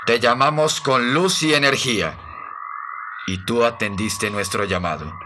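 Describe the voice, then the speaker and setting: A man voicing a calm, commanding male alien aboard a spaceship, speaking slowly and soothingly in a radio drama. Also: mid-range voice, lightly acted. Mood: calm, coaxing. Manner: slow, soothing, authoritative. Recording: music playing underneath.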